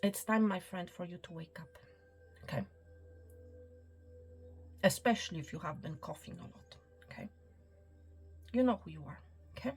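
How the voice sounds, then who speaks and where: A woman giving a spiritual reading in a soft, reassuring way, often dropping to a whisper and checking in with the listener. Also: fairly low pitch, expressive, normal speed, pauses often. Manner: soft, reassuring, repeats "okay" and "my friend"; drops to a whisper at times. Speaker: psychic reader. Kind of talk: tarot-style spiritual reading to camera. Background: soft background music.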